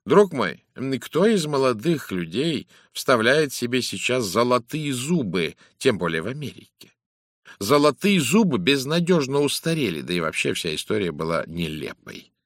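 A man's voice: mid-range voice, big pitch swings, normal speed, dry recording, clean studio sound, voice pushed up. A man voicing a fussy older male detective who lectures suspects in a precise, theatrical manner. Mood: lecturing. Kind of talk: audiobook character reading.

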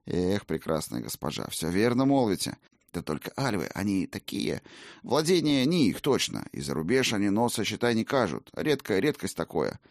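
A man voicing a portly, fawning male innkeeper who talks in a hurried, effusive way. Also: fairly low pitch, big pitch swings, no room sound, clean studio sound. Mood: pleading.

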